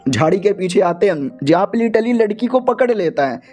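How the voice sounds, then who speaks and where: A man's voice: high voice, lively intonation, normal speed, darkish tone. A man narrating a casual, comic story recap in a chatty, jokey way. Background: faint music.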